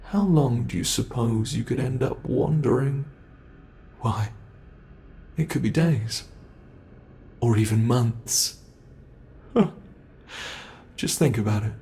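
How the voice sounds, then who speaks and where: A British man performs ASMR horror roleplay as a sadistic monster under the bed, toying with his captive. His medium-pitched, darkish voice is gravelly and slow, an unhurried drawl that lingers over each word. He mocks and menaces his prey with slow relish.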